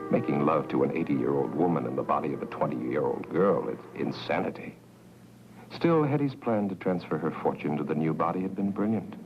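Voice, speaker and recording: Casting: deep-voiced, measured horror narrator over loud music, dull old soundtrack. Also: male voice, animated. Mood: ominous. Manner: slow, ominous and measured. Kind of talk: scripted film narration.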